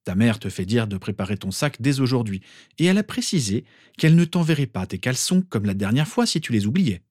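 A man's voice: medium pitch, very animated, fairly quick, a little mellow, slightly rough, dry recording, clean studio sound. A man voicing an amused, protective father in a storybook reading, with a fatherly tone.

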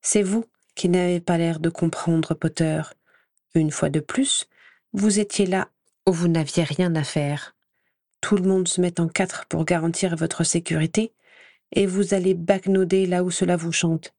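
Woman reading sneering male professor, slow mocking delivery, low voice, dry recording. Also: fairly even intonation, mellow, no echo. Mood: scornful. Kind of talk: audiobook character reading.

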